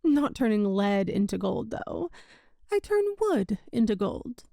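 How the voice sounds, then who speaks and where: In an ASMR romantic roleplay, a woman plays a sweet, possessive young witch shopkeeper, coy, doting, and teasing, with a gleeful mood. Her mid-range voice is sing-song, unhurried, creaky, and warm. The recording is dry with clean studio sound.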